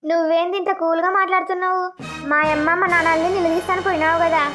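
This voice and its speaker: A woman voicing a scheming, resentful young village husband in a cartoon, with a high, sulky put-on voice. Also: little pitch movement, quick pace, over music. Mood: scornful.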